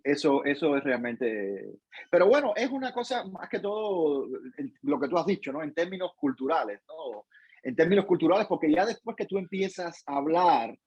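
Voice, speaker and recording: Husky Cuban man with restarts. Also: a little high, darkish tone, no echo, lo-fi sound. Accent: Cuban Spanish. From Cuba. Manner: thoughtful, many restarts and tag questions. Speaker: interview guest, professor. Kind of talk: casual interview answers.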